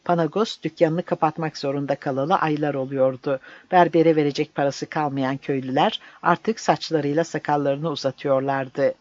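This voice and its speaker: An audiobook narrator reading a novel in a steady, measured way. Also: mid-range voice, dull audio. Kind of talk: scripted narration.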